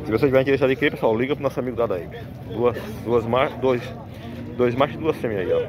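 A farmer from Northeast Brazil vlogs a casual walkthrough of an outdoor cattle market on a handheld phone camera, speaking fast in a mid-range voice. He's chatty, padding his talk with tag questions like "né" and "pessoal." A crowd can be heard, along with outdoor noise from cattle and vehicles.

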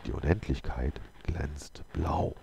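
A man voicing a calm, mysterious male stranger in a read-aloud story, speaking slowly and flatly. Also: a bass voice, gravelly, a little hiss or hum, heavily acted.

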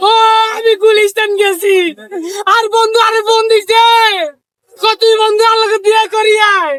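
Young man in very high-pitched, snotty wailing. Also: level tone, moderate pace, fairly bright tone, dry recording. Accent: Bangladeshi. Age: young adult. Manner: repeats wailing cries to mother and God. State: snotty, loud wailing crying. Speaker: robbery victim. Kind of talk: distressed lamenting. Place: outdoors on a busy city street. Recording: outdoor street recording amid a crowd.

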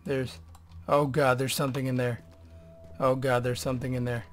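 Man, let's play commentary, nervous, jumpy, whispering at times, average pitch. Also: flat delivery, normal speed, soft background music. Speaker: gamer playing a horror game. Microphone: desk microphone.

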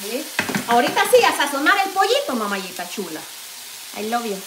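A woman's voice: fairly high pitch, big pitch swings, moderate pace. A woman with a Guatemalan Spanish accent chatting homily to viewers as she cooks in her home kitchen, constantly saying "look" and calling them sweetheart. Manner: homey and chatty, constantly says "mire" and calls viewers "mamayita". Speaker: cooking vlogger. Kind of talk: chatty home cooking vlog. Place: home kitchen while cooking. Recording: echoey kitchen with noise. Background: frying and sizzling pan.

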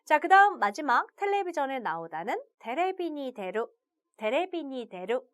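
A woman teaching a video language lesson, upbeat and chatty, opening her phrases with a bright "자". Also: high voice, sing-song, moderate pace.

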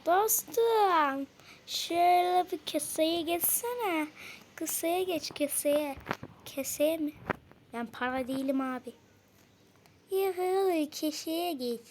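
A young woman chatting casually while playing a game with a friend. She repeats words in quick bursts and yelps when startled. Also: very high-pitched, lively intonation, slight background noise, low-quality recording. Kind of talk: casual game-play chat.

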